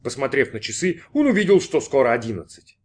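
A man narrating a story as an audiobook in an expressive, measured way. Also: mid-range voice, breathy edge.

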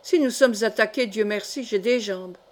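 A woman's voice: mid-range voice, moderate pace, close to an everyday voice. A woman reading the lines of a cowardly young male baker's apprentice with a trembling voice. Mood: eager. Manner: trembling, jumpy.

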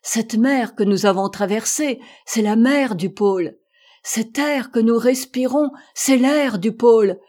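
A man's voice: high voice, measured pace, few pauses, dark tone. A woman voicing a feverish, exalted male polar sea captain in an audiobook, speaking with fervent, repeated phrases. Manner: fervent, repeating himself in rapture.

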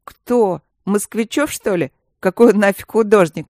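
A woman voicing a big, brash schoolboy who mocks others in a loud, rough, jeering way. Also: medium pitch, unhurried, dry recording, studio quality, pitched above the performer's own voice, natural voice.

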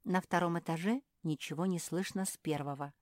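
A woman voicing a caring, bustling girl pug who talks in a brisk and bossy way. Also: fairly low pitch, fairly even intonation, no echo, studio quality, natural voice. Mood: hushed bossy.

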